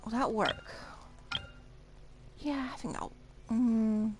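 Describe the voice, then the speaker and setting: This woman's voice is a little high and darkish in tone, with fairly even intonation and a slow pace. She's a streamer making laid-back, offhand comments live during gameplay while the game's music and combat noises play underneath.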